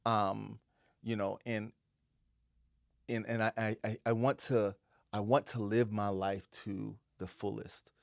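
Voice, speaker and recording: A man co-hosting a podcast, speaking in a reflective, measured way with frequent affirming murmurs. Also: lowish voice, flat delivery, creaky, dry recording, studio quality. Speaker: podcast co-host. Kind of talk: casual podcast chat.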